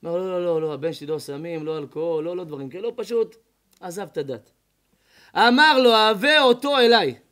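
A male rabbi telling a story in a sermon, acting out each character's lines and swinging from loud to hushed. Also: fairly high pitch. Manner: dramatic, voicing characters in the tales with big swings in loudness. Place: evening lecture before an audience.

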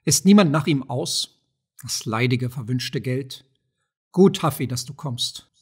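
A man's voice: mid-range voice, expressive, measured pace, breathy edge. A man reading an audiobook of a play, voicing a proud, worried sultan who sounds brooding and exasperated.

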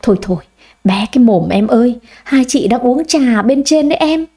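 A woman's voice: on the high side, lively intonation, normal speed. Woman doing a cautious, scolding senior shopgirl. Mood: reproving. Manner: hushing, reproving.

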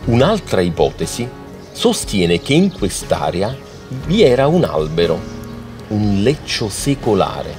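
A man's voice: on the low side, very animated, a little slow. A man narrating a documentary in an explanatory, storytelling way. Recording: music playing behind.

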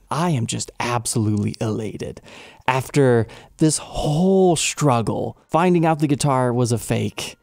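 A man hosting a guitar show, telling a personal story in an animated, exasperated way. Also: medium pitch, no room sound. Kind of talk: storytelling vlog.

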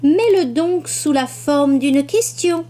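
A woman's voice: high-pitched, lively intonation, slow, warm tone, pitched above the performer's own voice. A woman voicing a carefree, self-assured male butterfly in a storybook read-aloud. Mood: airy.

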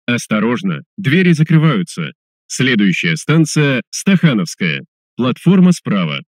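A man delivers recorded subway announcements in a mid-pitched voice with lively intonation. His delivery is formal, measured and carefully articulated, as befits a train announcer. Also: dry recording, clean studio sound. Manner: formal, measured, clearly enunciated.

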